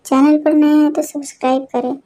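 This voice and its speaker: A woman narrating a scripted moral storybook tale in a steady reading voice. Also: high voice, a little fast, rough recording.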